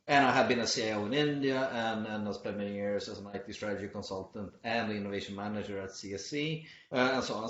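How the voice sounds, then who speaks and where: This conference speaker, a middle-aged man from Sweden, presents online in a halting way, full of fillers and false starts. His voice sits on the low side. There's a little hiss or hum, and the lo-fi recording sounds muffled and echoey.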